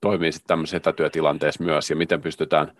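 Male podcast co-host, very low voice, measured and hedging, dry recording. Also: level tone, no echo. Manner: measured, hedging, many restarts. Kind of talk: casual discussion on work culture.

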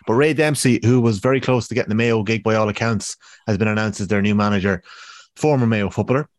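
A man's voice: on the low side, fast talker, dry recording. A man with an Irish accent hosting a casual sports podcast, giving a round-up.

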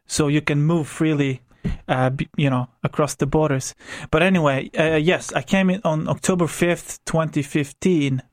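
A young man with a Croatian accent and a fairly high voice is a guest on a radio interview, recorded dry and close in a radio studio. His intonation is fairly even, at a moderate pace with few pauses. He tells his story candidly but hesitantly, full of restarts and small fillers.

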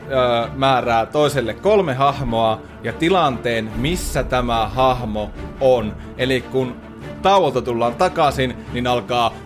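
A man hosting a casual chat, playful and quick to laugh. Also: medium pitch, over music. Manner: laughs often, lively and playful. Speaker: podcast host.

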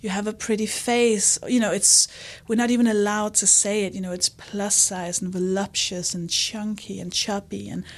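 A candid woman comedian speaks as an interview guest, with a mid-pitched voice. She talks in a lively way and keeps slipping into quick impressions of other people's remarks. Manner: candid, animated, quotes herself and others. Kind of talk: conversational interview.

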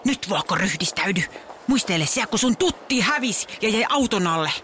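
A woman voicing a scheming little baby boy in a children's story, giving quick, bossy orders. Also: medium pitch, expressive, a bit bright, a little hiss or hum, close to an everyday voice. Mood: urging.

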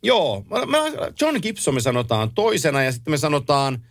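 A man co-hosting a casual hockey chat, leading the topics and listing teams briskly. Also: medium pitch, big pitch swings. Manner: runs the segments, lists teams briskly.

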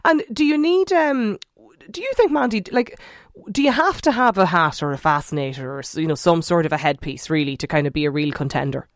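A woman's voice: deep voice, animated, a little fast, no room sound, clean studio sound. An Irish woman hosting a live radio interview in a chatty, questioning way, rephrasing as she goes. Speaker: radio talk show host. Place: radio studio.

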